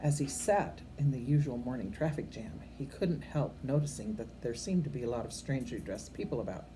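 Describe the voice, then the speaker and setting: A bass-voiced older woman reads a children's storybook a little fast, in the manner of a grandmother. She reads expressively but without polish, homely in tone, now and then stumbling and correcting herself and turning to the children with informal remarks. The amateur recording is poor, with faint background noise.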